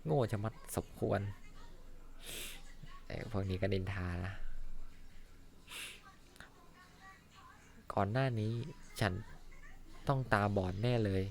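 A man's voice: on the low side, unhurried, creaky, pauses often, darkish tone. A man voicing a harsh middle-aged male boss in a fan-dubbed cartoon, talking in a scornful, insulting way. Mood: contemptuous. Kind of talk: Thai fan dub of an animated series.

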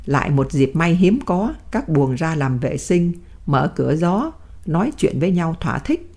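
A woman narrating an audiobook in a calm, steady reading voice. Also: deep voice, normal speed.

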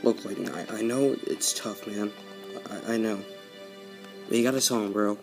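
A man's voice: lowish voice, steady tone, normal speed, music in the background, natural voice. A man voicing an anxious, earnest male car friend in a homemade toy story, stammering and short of breath. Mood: pleading.

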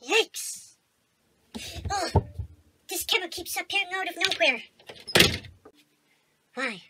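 A woman doing a squeaky confused puppet boy. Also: expressive, slow pace, full character voice. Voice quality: squeaky high voice. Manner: bewildered, exclaiming to himself. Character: confused squeaky-voiced male puppet hero. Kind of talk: homemade puppet comedy. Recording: noisy home recording.

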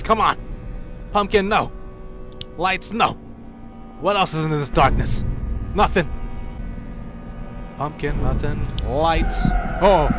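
A man giving horror game commentary, jumpy and swearing, with sudden yelps. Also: a little high. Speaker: gaming YouTuber.

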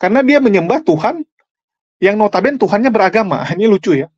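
A man's voice: sits high, animated, quick pace, darkish tone, no room sound, highs cut off. A man commenting on a debate clip in an explanatory, argumentative way. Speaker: Islamic preacher commenting on a clip.

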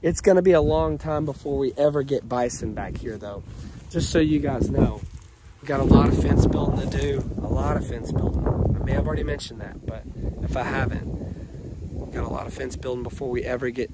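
A man's voice: medium pitch, brisk. A man with a scratchy voice from a cold, casually explaining fence repairs outdoors on his rural property. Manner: easygoing, explains work step by step. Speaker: ranch vlogger. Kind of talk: casual outdoor vlog narration. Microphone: camera-mounted action cam.

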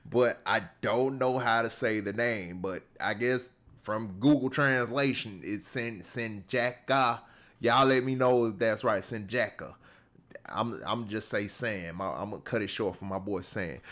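A man's voice: medium pitch, a bit bright. A man from the American South with a Southern accent, chatting casually to viewers in a film reaction, full of fillers and restarts. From Southern United States. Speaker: movie reaction streamer.

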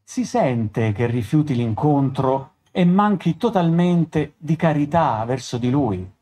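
An actor playing a gentle, fatherly old man who speaks softly and patiently, lecturing in a measured way. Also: on the high side, lively intonation. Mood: calm admonishing. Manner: soft, paternal, measured.

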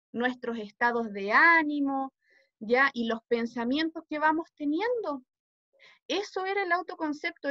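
A woman's voice: high-pitched, bright, forceful tone, dry recording, lo-fi sound. A woman with a Chilean Spanish accent teaching preschoolers, coaxing them with questions. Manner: coaxing, asks the children questions. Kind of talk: class for small children.

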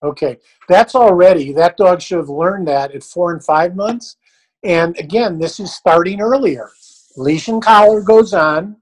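A man's voice: sits high, a little slow, low-quality recording. An older man, a dog trainer, answering questions in a blunt, folksy, plain-spoken way.

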